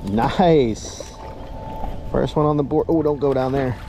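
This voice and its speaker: Excitable man fishing on a boat. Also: mid-range voice, measured pace. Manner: excitable, swears freely, slangy. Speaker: angler host. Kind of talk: casual fishing chat. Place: small boat out on the water. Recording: outdoor boat and water noise.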